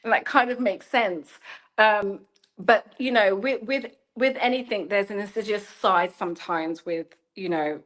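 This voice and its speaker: A woman's voice: mid-range voice, measured pace, a bit bright. A woman in her thirties, a journalist, speaks reflectively in an interview, searching for words and often saying "you know" as she goes. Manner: thoughtful, searching, with frequent "you know" and restarts. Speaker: guest, journalist and storyteller. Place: lives in China.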